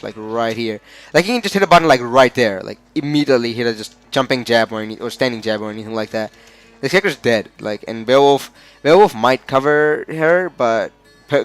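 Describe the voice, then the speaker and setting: Speaking at a medium pitch, this Australian man offers laid-back commentary on a fighting game bout, talking freely and regularly fumbling the competitors' names.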